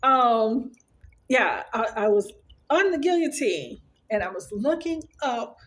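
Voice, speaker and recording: A woman's voice: fairly high pitch, lively intonation, takes it slowly. A woman vlogger casually telling a story to the camera, rambling, earnest, and full of fillers and restarts. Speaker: vlogger sharing her dreams.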